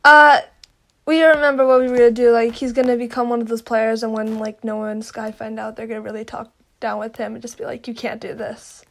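A young woman with a high voice hosts a casual question-and-answer video. She jokes, swears and bursts into dramatic outbursts as she goes. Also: level tone, fast talker, vocal fry, fairly bright tone. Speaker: channel host. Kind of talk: casual Q&A chat. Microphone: home microphone.

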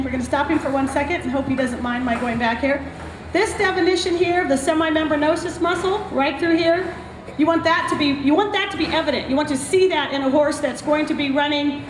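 In an outdoor racetrack paddock, a high-voiced, middle-aged female veterinarian holds a handheld mic and walks a clinic audience through her points. Her teaching is explanatory and emphatic, punctuated by gestures, while the roomy recording carries a noisy background.

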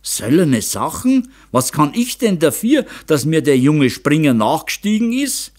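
A spoiled young Bavarian woman answers back in a pert, indignant tone, as a man reads her in an audiobook. Her voice sits raised and lively. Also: a little high, a little slow, pitched above the performer's own voice. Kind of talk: audiobook character voice.

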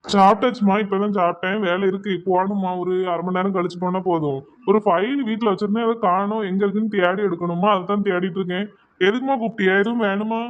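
A defensive young husband in a cartoon family drama, voiced by a performer. His mid-pitched voice talks fast and brushes the questions off. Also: fairly even intonation, highs cut off, lightly acted. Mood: concerned. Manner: quick, defensive, dismissive.

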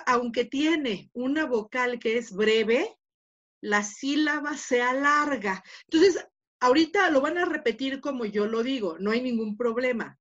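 A woman with a Mexican Spanish accent gives a Latin lesson in a fairly high voice, patient and methodical, often checking in with a quick rhetorical question. The sound is dull and lo-fi, like an online class recording. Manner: patient, explains step by step with many rhetorical questions. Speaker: Latin teacher.

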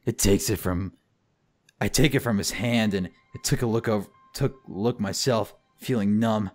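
A man's voice: on the low side, moderate pace, faint music behind. A man reading a visual novel aloud in a mock-dramatic way, breaking off into jokes with a friend. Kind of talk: comedic read-through.

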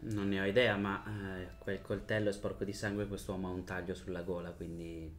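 A man narrating a tabletop role-playing game as game master, describing scenes in a measured, storytelling way. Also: deep voice, little pitch movement.

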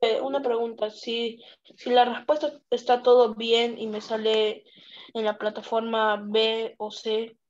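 Female pupil, hesitant question, high flat voice, muffled lo-fi call, faint hiss. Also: measured pace. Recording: dull lo-fi call audio with faint noise.

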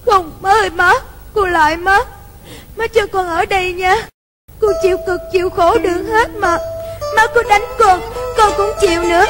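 A woman's voice: very high-pitched, fairly even intonation, moderate pace, poor audio. An actress playing a blind young woman who pleads tearfully with her foster mother in a stage drama. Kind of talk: Vietnamese cải lương stage drama. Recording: stage drama with music behind.

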